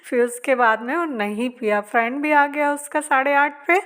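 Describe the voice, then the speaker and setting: A middle-aged woman with a North Indian Hindi accent, quietly narrating her day at home in a slow, soft voice-over. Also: high-pitched, fairly even intonation. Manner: speaks softly and slowly so as not to disturb. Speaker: family vlogger. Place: room at home, indoors.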